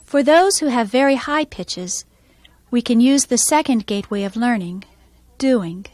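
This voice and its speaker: A woman music teacher explaining her methods in a calm, measured instructional voice-over. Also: on the high side, no echo.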